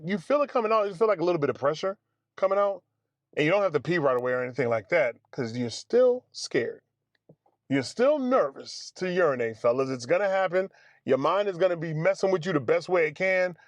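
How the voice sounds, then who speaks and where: Man, streamer, casual storytelling, animated, fairly high voice, dry close sound. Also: fairly quick, dry recording. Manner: animated, acts out dialogue, addresses listeners as family and fellas. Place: home streaming setup.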